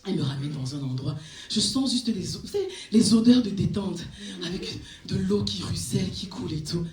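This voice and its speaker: A woman performing a stand-up comedy set on a club stage, telling her story with big animated swings and shrieks at the punchlines. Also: on the low side, brisk, soft background music. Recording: echoey club with audience noise. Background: audience laughter.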